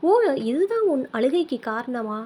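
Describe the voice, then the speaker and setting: A woman's voice: high-pitched, big pitch swings, measured pace, heavily acted. A woman doing a doting old grandma. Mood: tender, doting. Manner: gentle, doting, soothing tone. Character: kindly seventy-year-old grandmother, affectionate and forgiving.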